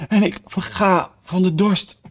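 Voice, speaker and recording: A man's voice: high voice, steady tone, unhurried, breathy edge, voice pushed up. A man voicing a curious, polite young girl who talks eagerly and with a lot of wonder.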